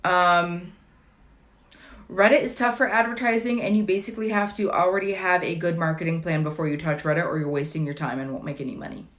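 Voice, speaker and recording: Woman, late 30s, livestream host; casual, joking, rambling delivery, lowish pitch. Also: steady tone, brisk, a bit bright. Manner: chatty, wry and digressive, with dry jokes. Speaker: livestream host answering viewer questions.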